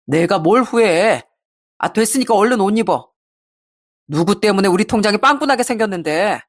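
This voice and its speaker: A woman's voice: medium pitch, lively intonation, moderate pace, close to an everyday voice. A woman voicing a petty, defensive middle-aged husband who talks back sulkily and dismissively. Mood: impatient. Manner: sulky and defiant, dismissive.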